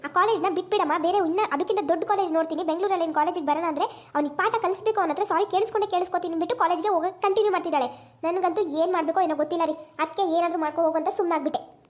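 A woman's voice: very high-pitched, rapid-fire. A woman playing a hot-tempered, protective mother who scolds her husband in an amateur village family drama. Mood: exasperated. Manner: scolding, exasperated. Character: fiery protective mother, quick to anger.

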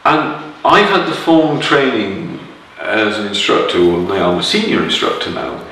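Older guy in a clubroom interview, eager and animated, distant mic, echoey room. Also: lowish voice, normal speed, slight background noise. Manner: enthusiastic, animated storytelling. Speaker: sailing club instructor. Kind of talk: documentary interview. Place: indoor clubroom with photos on the wall. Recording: roomy, distant, with music behind.

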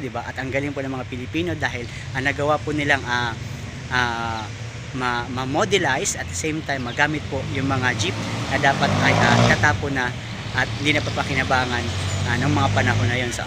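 A man's voice: medium pitch, background noise. A man with a Filipino accent hosting a casual vlog, friendly and chatty, with a polite manner. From Philippines. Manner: friendly, chatty, mixes English and Tagalog, polite po. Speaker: vlogger. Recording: music playing under the voice.

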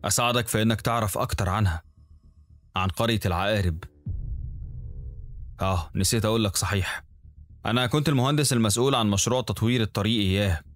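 A man voicing a courteous, mysterious engineer in his fifties with an Egyptian Arabic accent, calm and knowing. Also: lowish voice, fast talker, pauses often, soft background music, lightly acted. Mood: polite. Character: smiling middle-aged male engineer, polite and mysterious.

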